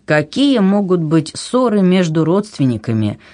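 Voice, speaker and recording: Brief: reader doing a loud excitable old king, warm-hearted but quick to flare. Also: medium pitch, no echo, clean studio sound. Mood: jovial. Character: hot-tempered jovial old Polish king.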